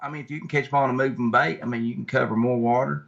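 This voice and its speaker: Speaking rapid-fire, a male guest angler who fishes tournaments has a medium-pitched, gravelly, slightly bright voice with fairly even intonation. He casually recounts and explains things in a plain-spoken, informal style. It is recorded in dull lo-fi sound.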